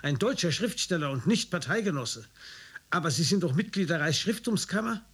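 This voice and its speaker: A man voicing a jovial but menacing male border officer in an audiobook reading, husky and quick to turn sharp. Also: on the high side, expressive, voice pushed up. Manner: swings from chummy to sharp. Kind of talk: audiobook character voice.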